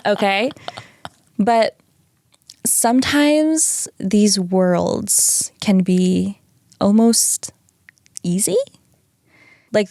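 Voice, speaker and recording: A woman's voice: on the low side, gravelly, darkish tone, no echo, clean studio sound. A woman co-hosting a podcast in a laid-back, casual way, swearing and laughing often. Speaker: podcast co-host. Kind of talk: casual chat.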